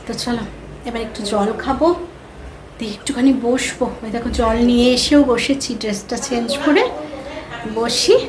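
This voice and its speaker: A Bengali-accented woman in her thirties, a vlogger and mother, chats casually to viewers while doing chores around her home, moving between the kitchen and other rooms. Her voice is on the high side, and there's noise in the background.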